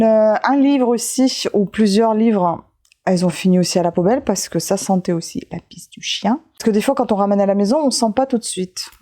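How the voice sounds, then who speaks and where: A woman's voice: medium pitch, mellow. A woman chatting casually to camera as she shows her street finds, rambling and breaking off for joking asides, tired and overheated. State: hot and tired. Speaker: vlogger showing her street-find haul.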